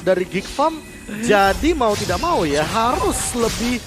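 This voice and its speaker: A man's voice: sits high, sing-song, measured pace. A man with an Indonesian accent giving live esports commentary, wordy and analytical, mixing in English gaming terms. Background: music.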